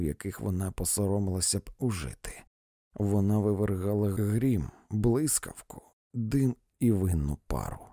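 A man reading a story aloud in an expressive, dramatic audiobook narration. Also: fairly low pitch, no echo, studio quality. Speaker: audiobook reader.

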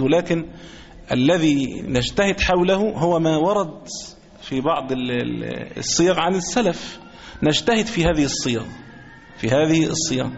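Egyptian sheikh teaching in an echoey hall. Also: male voice, fairly high pitch, a little hiss or hum. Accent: Egyptian Arabic. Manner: deliberate, repeats phrases, chants quoted takbir slowly. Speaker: sheikh teaching a religious text. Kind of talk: religious lesson explaining a book. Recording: echoey hall, dull lo-fi sound.

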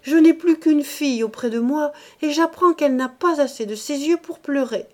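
A woman's voice: sits high, moderate pace, warm tone, voice pushed up, close to an everyday voice. A woman voicing an elderly self-righteous bourgeois mother who laments plaintively in an audiobook. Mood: indignant lament. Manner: indignant, plaintive.

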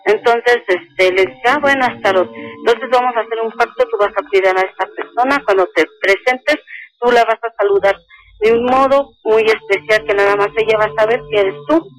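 An older woman calling a radio show, slowly and earnestly telling a personal story and quoting each speaker. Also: fairly high pitch, soft background music, low-quality recording. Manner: slow, earnest retelling that quotes each speaker. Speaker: caller.

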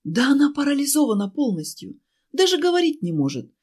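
A woman voicing a chatty, fussing woman who runs a cafe, pleading and talking fast in an audiobook. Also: high voice, very animated, a little mellow, voice pushed up. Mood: fussy, pleading. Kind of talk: audiobook character voice.

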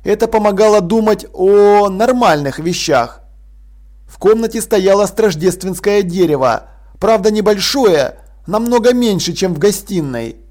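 High-voiced man reading a story. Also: expressive, darkish tone. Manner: measured storytelling. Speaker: audiobook narrator. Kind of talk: scripted narration.

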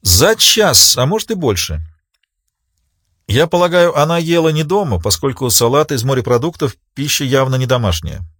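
A man's voice: medium pitch, very animated, moderate pace, a bit bright, husky, no echo, clean studio sound, pitched above the performer's own voice. A man voicing a portly, jovial male pathologist who chats and lectures with relish. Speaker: medical examiner.

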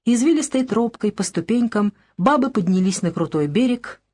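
Female audiobook narrator, even, measured literary storytelling. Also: mid-range voice.

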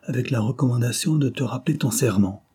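A man reading a curt, brisk messenger. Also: mid-range voice, warm tone, husky. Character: grim messenger delivering a burden.

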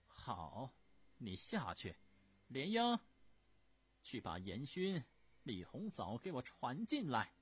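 A male storyteller voices an old empress dowager who is imperious and furious, scolding in a shrill, haughty tone. His delivery is very animated and unhurried, with hardly any pauses.

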